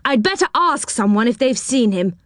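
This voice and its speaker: A woman reading aloud puts on a high, lively little storybook man, eager and fussy, his voice leaping about. He sounds dry and close. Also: normal speed, no echo, close to an everyday voice.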